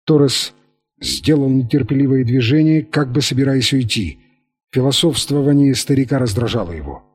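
Husky-voiced male audiobook narrator. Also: medium pitch, normal speed, a little mellow. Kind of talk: scripted narration.

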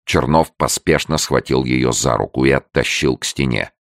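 A man reads a story aloud in a very deep voice with heavy gravel in it. His delivery is steady and measured, in a dry, close sound. It is classic audiobook narration. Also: no room sound.

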